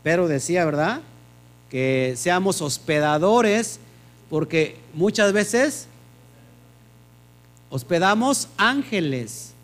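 A man leads a scripture study in a high voice. He keeps asking his listeners questions and answers them himself in a teacherly rhythm. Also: lively intonation, slow, long pauses. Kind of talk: Torah study teaching to a small group.

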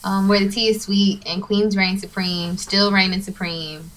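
A woman's voice: medium pitch, normal speed. A woman co-hosting a podcast in casual chat, recording from a room at home with an echoey sound. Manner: relaxed, loose and chatty. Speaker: podcast co-host. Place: dining room area at home.

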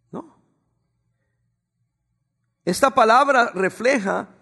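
A man's voice: high voice, bright, forceful tone. A man preaching as a pastor, talking to his congregation in a conversational way and acting out short exchanges. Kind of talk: sermon.

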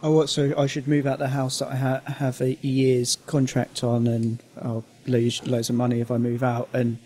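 A man's voice: medium pitch, monotone, normal speed, warm tone. A man co-hosting a podcast in casual chat, hesitant and full of fillers, with a dry, sarcastic humor. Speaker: podcast co-host.

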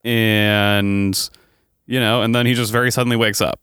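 A man's voice: lowish voice, little pitch movement, moderate pace, a bit bright, smooth, no echo, studio quality. A man co-hosting a podcast, talking hesitantly with lots of fillers and agreeing murmurs. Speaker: podcast co-host. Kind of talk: casual chat.

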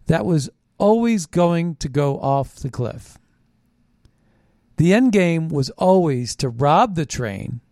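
On a political talk show he hosts, a man with a fairly high, slightly mellow voice launches into an emphatic, conspiratorial rant, reading his own written posts aloud and commenting on them. He repeats phrases for emphasis, and the studio recording is clean with no echo.

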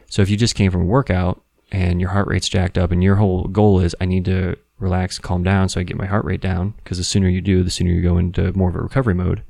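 A man explains things casually on a podcast in a very low voice with plenty of gravelly fry. His intonation stays quite flat. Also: no echo, studio quality. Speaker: podcast co-host.

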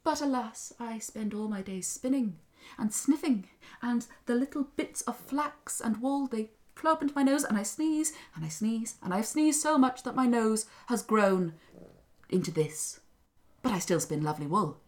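Old fairy godmother, chatty and wistful, high lilting voice , a woman doing it. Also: animated, normal speed, darkish tone, close to an everyday voice.

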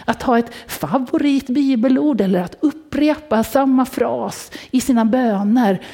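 Woman giving a sermon in church, husky and mellow, a bit high, chatty, keeps asking the crowd stuff. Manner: conversational, asks the congregation questions. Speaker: preacher.

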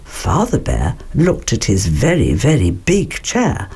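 Woman storyteller, slow and very expressive, reading a children's tale. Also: rumbling low. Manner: slow, expressive, clearly paced.

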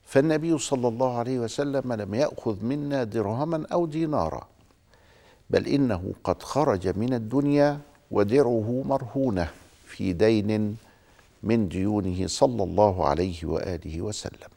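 A man hosting a religious programme, addressing viewers in formal Standard Arabic with deliberate, rhetorical phrasing. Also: lowish voice, creaky, mellow.

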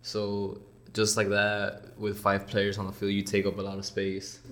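Young male college student guest, laid-back and rambling, low and even-toned. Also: a little slow. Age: 20s. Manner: relaxed, rambling, laughs easily. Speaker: guest, college soccer player. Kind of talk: casual interview chat.

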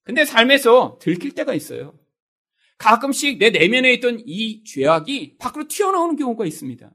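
A man's voice: extremely high pitch, big pitch swings, a little fast, bright, forceful tone. A male pastor preaching a sermon, speaking straight to the congregation with rhetorical questions and acting out everyday excuses in quoted voices.

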